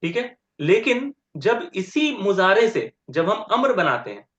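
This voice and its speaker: A man teaching Arabic grammar step by step in an online lecture, repeating word forms slowly and often checking with "ठीक है?". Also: sits high, very animated, fairly bright tone. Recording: roomy, dull lo-fi sound.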